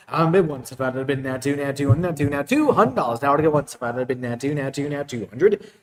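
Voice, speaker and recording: A man's voice: mid-range voice, quick pace. A man working as an auctioneer, calling bids in a repetitive, rhythmic auction chant. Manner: repetitive rhythmic bid calling between plainly announced lots. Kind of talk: rapid auctioneer chant with repeated bid calls. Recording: roomy echo, distant from the mic.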